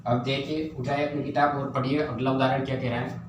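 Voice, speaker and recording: A man's voice: medium pitch, little pitch movement, brisk. A man teaching a math lesson, repeating steps and asking and answering his own questions. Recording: very echoey room, faint ambient noise.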